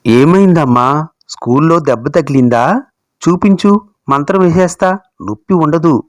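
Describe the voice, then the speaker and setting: A man voicing an elderly grandmother who talks to her grandson in a soft, coaxing way. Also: a little high, animated, normal speed, no room sound, natural voice. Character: caring elderly grandmother, gentle and soothing.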